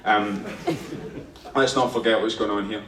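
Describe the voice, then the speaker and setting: A Scottish man in his thirties works through a live stand-up set, conversational and punchy, with plenty of swearing. He sounds a little distant from the mic, and the theatre rings with echo. Audience noise sits clearly underneath him. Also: lowish voice, steady tone, measured pace. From Scotland. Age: 30s. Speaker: stand-up comedian. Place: theatre stage before a laughing audience.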